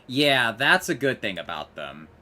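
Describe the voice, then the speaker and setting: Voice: medium pitch, very animated, measured pace, sharp tone. A gamer giving casual commentary over gameplay and muttering while playing.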